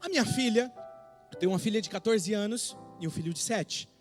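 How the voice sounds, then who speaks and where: High-voiced Brazilian preacher, dramatic swings. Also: male voice, brisk, faint music behind. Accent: Brazilian Portuguese. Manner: dramatic, swinging from hushed to shouting. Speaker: pastor. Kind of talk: emotional testimony sermon. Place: church service with faint music behind.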